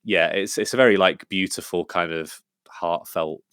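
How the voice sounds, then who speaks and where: A very low-pitched English man chatting as a podcast guest, his voice smooth and resonant. He rambles eagerly, full of fillers and restarts, and the sound is close and dry with no room around it. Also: normal speed, fairly bright tone, no echo. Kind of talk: casual conversational interview.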